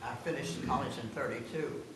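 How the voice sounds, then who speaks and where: With a very deep voice and a fairly quick pace, a nonagenarian woman from South Carolina, United States recounts old stories to her relatives in a Southern American accent. She is the guest of honour at a family gathering, recorded in an echoey room on a distant mic with noticeable noise.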